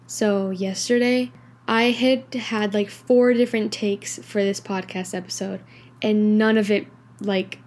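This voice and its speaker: A woman's voice: mid-range voice, fairly even intonation, a little slow, darkish tone. A tired young woman hosts her own podcast late at night. She talks candidly and rambles, leaning on "like" and "you know" as she goes. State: tired, yawning. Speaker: podcast host. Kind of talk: casual solo podcast monologue.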